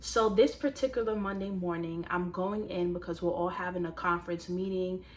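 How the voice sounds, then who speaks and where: A woman in her twenties, casually telling a personal story to viewers and turning it into motivational advice, animated and talking straight to the audience. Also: on the low side, normal speed. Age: 20s. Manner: animated, conversational, addresses viewers directly. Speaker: vlogger.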